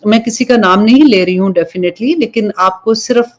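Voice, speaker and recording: A young woman from Pakistan giving an informal religious talk, telling a story in a chatty way and slipping English phrases in between. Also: medium pitch. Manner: conversational storytelling, switching between Urdu and English. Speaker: Islamic preacher.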